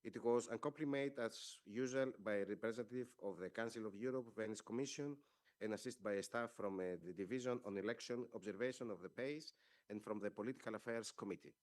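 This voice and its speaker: A man from Greece with a Greek accent and Greek as his first language, leading a parliamentary delegation and giving a formal press conference statement in measured speech with frequent hesitations. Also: lowish voice, a little mellow.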